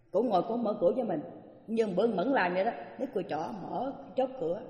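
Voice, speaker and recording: An older woman tells stories in a dharma talk, slipping into the voices of the people she quotes. Her voice carries through a large, echoing hall. The recording is dull and lo-fi. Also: fairly high pitch. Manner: animated storytelling, acts out quoted speech. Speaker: Buddhist teacher. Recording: echoey hall, dull lo-fi sound.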